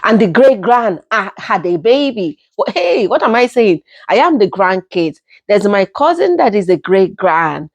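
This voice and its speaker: A young woman vlogger, telling a family story in a casual, animated way, acting out the people she quotes. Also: medium pitch, unhurried, hardly any pauses, no echo. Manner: animated retelling with quoted voices and laughs.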